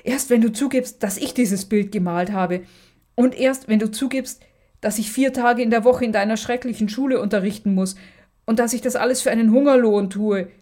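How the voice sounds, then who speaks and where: A woman reading the part of a furious, unhinged artist who shouts and shrieks in bitter rage. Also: fairly high pitch, normal speed, pitched above the performer's own voice, lightly acted.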